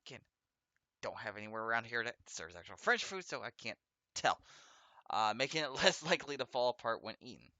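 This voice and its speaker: A man's voice: mid-range voice, sing-song, fairly quick, bright, forceful tone, no echo. A man hosting a let's play, reading game text aloud and chatting casually, with a speech impediment that makes his S and R sounds come out a little off. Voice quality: speech impediment, trouble with S and R sounds, a slight lisp. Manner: stumbles over foreign words, self-correcting and chatty.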